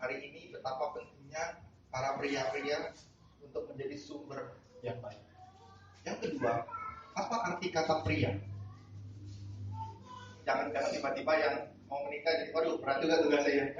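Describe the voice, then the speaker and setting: Male pastor, high voice, preaching from a distance in a noisy, echoey church hall. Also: moderate pace, pauses often, highs cut off. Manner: animated storytelling, acting out characters in raised voices. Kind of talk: sermon.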